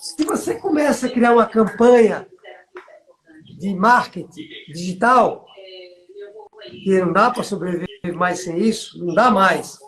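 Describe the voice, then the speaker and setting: Recorded poorly in a room full of echo, this middle-aged Bahian man has a high, fairly bright, expressive voice and an unhurried pace with long pauses. His Northeastern Brazilian accent carries through as he coaches conversationally on business, spinning stories and asking whether the listener is with him.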